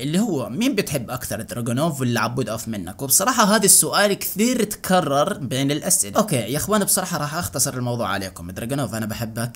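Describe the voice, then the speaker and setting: A young man with a Jordanian Arabic accent, a gaming YouTuber answering fan questions in casual, joking chat. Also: fairly high pitch. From Jordan, Iraqi family. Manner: excitable, joking, chatty. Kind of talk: casual Q&A with fans.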